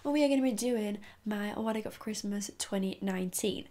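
A woman's voice: mid-range voice, brisk, mellow. A woman with a cold and a blocked, nasal voice, chatting to her viewers in a casual vlog. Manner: chatty and bubbly, talking straight to viewers. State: congested, blocked nose from a cold. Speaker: YouTube vlogger. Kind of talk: casual haul vlog chat.

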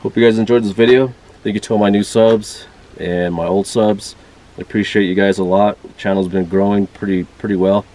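A man casually signing off his fishing vlog outdoors, chatty and relaxed, with loose sentences. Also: on the low side, brisk, poor audio. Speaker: fishing vlogger. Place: outdoors by the water.

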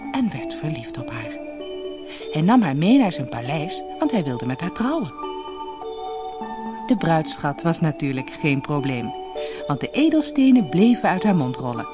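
A woman reading a fairy tale aloud as storybook narrator, lively and expressive. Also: deep voice.

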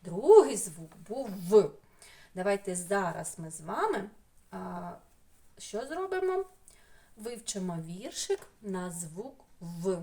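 A woman's voice: medium pitch, big pitch swings, slow, mellow. A middle-aged woman from Ukraine teaching a remote phonics lesson to small children, drawing out and repeating sounds in a sing-song way. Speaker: preschool teacher. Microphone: computer mic in an online class.

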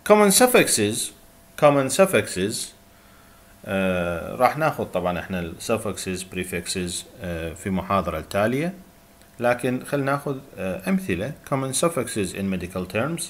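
A man with an Iraqi Arabic accent giving a recorded university lecture, reading English terms slowly and explaining them, with many hesitant filler sounds. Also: deep voice, animated.

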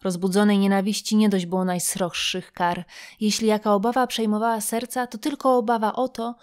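A woman narrating a classic novel as an audiobook reader, in a steady, even storytelling manner. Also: medium pitch, a little fast.

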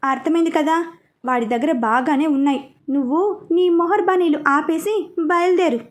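A woman voicing a blunt, gruff young man who speaks curtly and dismissively. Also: high-pitched, moderate pace, close to an everyday voice. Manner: curt, dismissive.

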